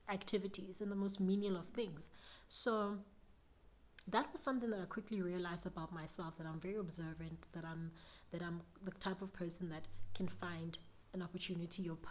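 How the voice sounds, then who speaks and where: A woman's voice: lowish voice, darkish tone. A young South African woman with a South African accent, giving an earnest, reflective motivational talk to camera about business. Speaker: business vlogger.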